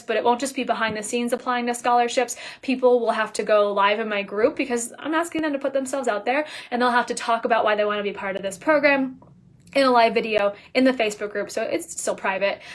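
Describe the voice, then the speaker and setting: A woman coach giving a casual live talk, energetic and emphatic, dropping at times to soft, near-whispered lines. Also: a little high. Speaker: business coach.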